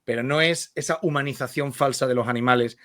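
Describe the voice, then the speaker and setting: A middle-aged man from Spain hosting a relaxed radio conversation, with many hesitations and restarts. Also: medium pitch, fast, no room sound, clean studio sound. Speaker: radio host.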